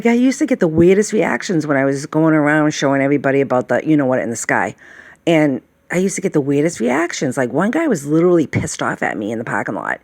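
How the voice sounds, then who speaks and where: A low-pitched woman in her late fifties, a vlogger, rambles through a casual monologue recorded without echo. She sighs often and keeps checking in with "okay?" and "all right?"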